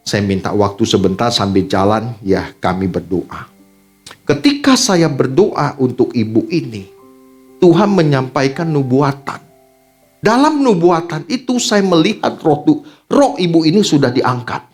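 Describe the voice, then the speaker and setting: Man, pastor, sermon, lively pitch, dramatic loud peaks, faint guitar behind. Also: a little slow. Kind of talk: sermon with testimony. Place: church sanctuary.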